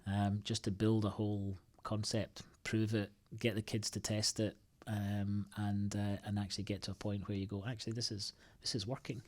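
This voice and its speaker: A man from the United Kingdom, a guest on an interview show, answering in a halting, thoughtful way with many restarts and fillers. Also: on the low side, little pitch movement, darkish tone. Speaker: podcast guest, IT consultancy co-founder.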